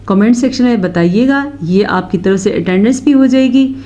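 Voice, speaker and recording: A woman teaches Quran recitation, going through the rules and turning to her students with questions. Her voice is warm and mellow. The recording sounds a little dull and muffled. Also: mid-range voice. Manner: explains rules, then recites verses slowly and drawn out; addresses students directly. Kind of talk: recitation lesson.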